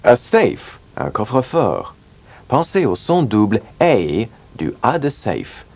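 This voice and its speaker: A man teaching English in a scripted lesson, drilling words slowly and clearly. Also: medium pitch, big pitch swings, darkish tone. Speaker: language teacher.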